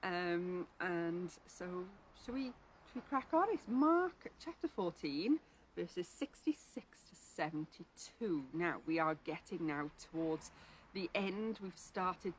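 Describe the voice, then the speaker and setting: A woman's voice: fairly low pitch, animated, takes it slowly, slight background noise. A woman leading a church Bible reading, talking in a chatty, informal way with lots of ums and restarts. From Wales. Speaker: church leader reading scripture. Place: church live stream.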